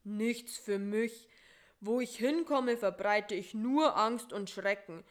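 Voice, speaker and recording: Brief: woman playing a dozy, nervous male spider in a storybook, stubborn and know-it-all, a bit louder. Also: mid-range voice, lightly acted. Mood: sleepy. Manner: drowsy, slow and know-it-all.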